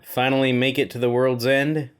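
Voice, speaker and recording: A man's voice: medium pitch, flat delivery, moderate pace, smooth. A man chatting casually as he hosts a movie reaction video, amused with himself and full of hesitant fillers.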